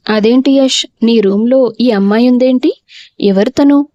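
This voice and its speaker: A woman's voice: a little high, a little slow, mellow, no echo, lo-fi sound, natural voice. Woman playing a sarcastic young city wife. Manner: sarcastic, pointed.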